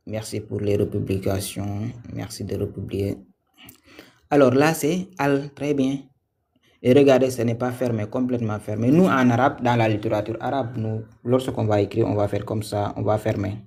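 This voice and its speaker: A man's voice: lowish voice, gravelly, mellow, husky. Patient man teaching a live lesson. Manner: patient, repetitive, quizzes viewers; thanks viewers by name. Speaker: Quran teacher. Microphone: livestream mic.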